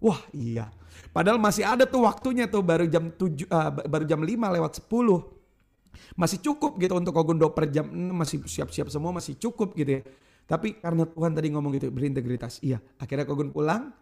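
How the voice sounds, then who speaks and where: A man in his thirties preaches to a youth church service in a high, heavily gravelly voice. He calls for the crowd's responses and slips into casual storytelling. He refers to himself in the third person. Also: expressive, brisk, darkish tone. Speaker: youth pastor. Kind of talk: sermon.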